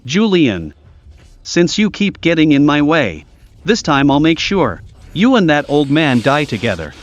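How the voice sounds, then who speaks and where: An actor playing a scheming, self-pitying young villain in overacted dubbed melodrama. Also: male voice, a little high, sing-song, unhurried. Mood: vengeful. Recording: music behind the voice.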